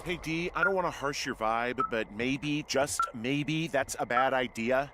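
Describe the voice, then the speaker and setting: Male actor voicing a dry, easygoing fire lookout for a game; mid-range voice, loud noisy clip. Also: mid-range voice, measured pace, close to an everyday voice. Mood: wry.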